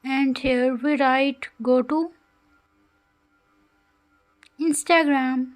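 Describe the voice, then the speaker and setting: High-pitched woman teaching. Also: steady tone, slow, faint music behind. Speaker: coding tutorial host. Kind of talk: scripted screen-recorded tutorial narration.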